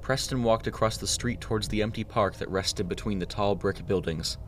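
Deep-voiced man narrating a story. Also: normal speed, a little hiss or hum.

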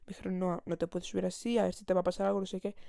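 A woman's voice: fairly low pitch, flat delivery, rapid-fire, vocal fry, mellow, no room sound, studio quality. A young woman from Spain with a Spanish accent, telling a casual anecdote on her podcast in a rambling way, correcting herself and laughing often. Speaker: podcast host.

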